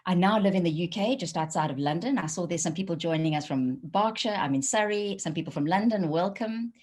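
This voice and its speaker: Speaking from a home office, a South African woman gives an online wellbeing webinar, weaving in personal stories with light laughter. Her voice is lowish and brisk, and her delivery is animated.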